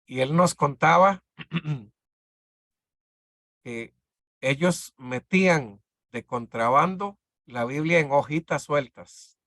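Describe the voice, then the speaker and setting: A man teaches a discipleship class in an easy, halting way, often restarting his sentences. His voice is bright and forward. The sound is dry and close. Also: fairly high pitch, no echo. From Costa Rica. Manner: halting, many fillers and restarts, conversational.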